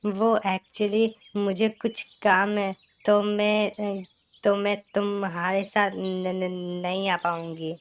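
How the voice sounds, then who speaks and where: A woman voicing a kind, caring young bird in a children's cartoon, gentle and reassuring. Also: medium pitch, flat delivery, takes it slowly. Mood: nervous. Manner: gentle, reassuring, stammers when nervous.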